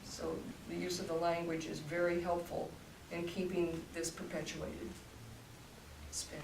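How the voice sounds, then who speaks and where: An older woman's voice, on the low side and darkish, with a level tone and a slightly slow pace, comes from a voice teacher explaining technique. She demonstrates and coaches in bursts during a voice masterclass talk, recorded roomy and distant with a faint hum.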